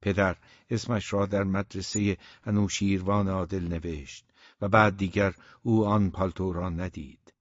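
A man narrating a novel as an audiobook in a measured, grave storytelling tone. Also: deep voice, level tone, no echo. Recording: dull, dry recording.

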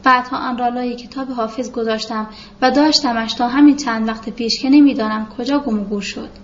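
A woman's voice: on the high side, steady tone. Woman narrating a novel, lo-fi. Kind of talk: literary audiobook narration. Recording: dull lo-fi recording with faint hiss.

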